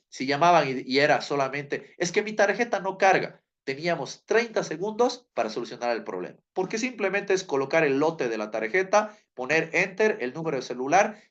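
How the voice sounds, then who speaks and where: A man's voice: a little high, lively intonation, normal speed, fairly bright tone, dull audio. A man giving a classroom lecture, telling a story and acting out the people in it, repeating his key points. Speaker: teacher.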